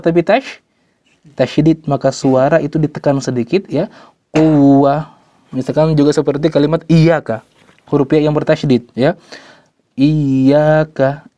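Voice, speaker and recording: A man's voice: on the high side, dark tone, no room sound, highs cut off. A man teaching Quran recitation rules, speaking patiently, repeating words and drawing out the example words he recites. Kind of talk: tajwid lesson.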